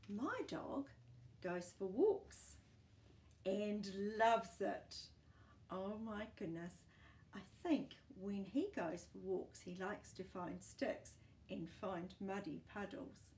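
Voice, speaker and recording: This children's storytime host, a woman in her sixties, speaks with a New Zealand accent in a medium-pitched, slightly mellow, expressive voice at a slow pace. Inside a small room packed with books, she reads a picture book aloud to young children expressively, adding chatty questions and asides.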